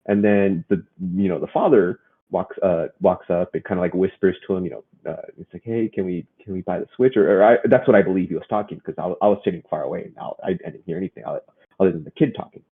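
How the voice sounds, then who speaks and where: A man co-hosts a casual gaming podcast, wandering through his stories with lots of restarts. His voice sits a bit low and comes across husky. The sound is thin and phone-like. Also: fast talker. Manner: rambling, many restarts. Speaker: podcast co-host. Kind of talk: casual chat. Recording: phone-like muffled audio.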